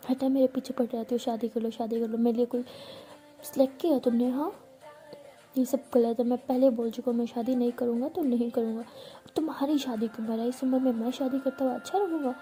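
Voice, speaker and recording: A woman's voice: fairly high pitch, fairly even intonation, a little fast, dark tone, close to an everyday voice. A woman voicing a strict middle-aged father who questions his daughter sternly. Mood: grumbling.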